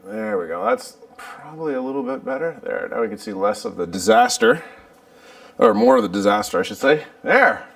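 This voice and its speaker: A man chatting casually on a livestream from a cluttered garage, muttering to himself while he fixes his setup. His voice is gravelly, with a lively pitch that swings up and down. He sounds a bit distant, picked up by a camera mic set back in the room. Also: moderate pace. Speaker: livestreaming vlogger.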